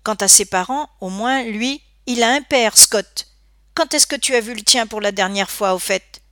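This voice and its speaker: A woman's voice: a little high, moderate pace, sharp tone, dry recording, studio quality. A woman voicing a firm, defiant schoolgirl standing up to bullies in an audiobook. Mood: défiant.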